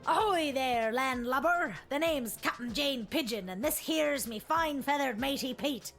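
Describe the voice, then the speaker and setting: An actress voicing a swaggering woman pirate captain in a video game, with a stage pirate accent and gruff, hearty sea-dog talk. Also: high voice, expressive, unhurried, a bit bright, soft background music, heavily acted. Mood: hearty, boisterous. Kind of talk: video game character acting.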